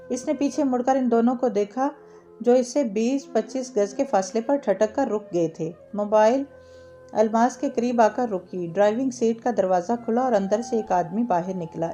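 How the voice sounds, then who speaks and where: A woman reading a novel aloud in a steady, slightly halting way, with small slips and restarts. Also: medium pitch. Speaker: story reader.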